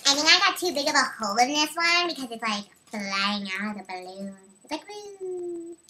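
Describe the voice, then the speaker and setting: A giggly, giddy teenage girl vlogger chats excitedly in a squeaky, high-pitched, helium-like voice, with lively intonation and a moderate pace. She's in a small bedroom with loud music playing behind her, recorded on home camera audio from a short distance, with faint noise.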